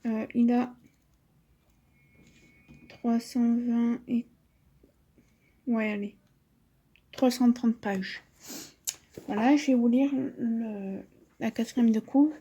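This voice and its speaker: Slow-talking young woman chatting about books. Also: fairly high pitch, fairly even intonation, warm tone, slightly rough, muffled recording. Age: 20s. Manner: rambling, self-correcting, chatty asides. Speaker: book vlogger. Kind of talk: casual book haul chat.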